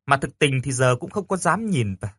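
A male storyteller narrates a first-person romance with an animated, bright delivery. His voice is husky and swings freely in pitch. It is recorded dry and close, with no room sound. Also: brisk, no echo. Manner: lively, stammering in dialogue.

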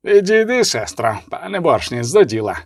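A man's voice: fairly high pitch, very animated, moderate pace, no echo, clean studio sound. A man voicing a haughty duke who gives orders in an imperious, commanding tone, in an audiobook reading.

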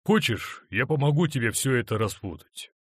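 A man's voice: medium pitch, expressive, moderate pace, husky, dry recording, pitched above the performer's own voice. Man as a hurt husband, wry and stern, controlled, dry close sound.

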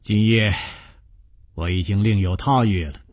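Male storyteller doing a carefree witty swordsman, low, relaxed, unhurried delivery. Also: breathy edge, dry recording, clean studio sound. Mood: amused, easygoing. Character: carefree, witty young male hero, laughing.

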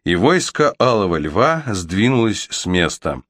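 A man narrates a fantasy novel at a steady, even pace of storytelling. His voice is somewhat low, and the recording is dry and close, with no room sound. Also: a little slow, no room sound. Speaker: audiobook narrator.

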